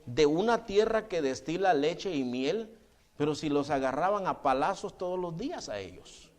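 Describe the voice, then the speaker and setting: A man's voice: a little high, animated, normal speed. A male pastor, preaching a sermon in a conversational tone and often calling listeners brother. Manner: acts out quoted voices in dialogue.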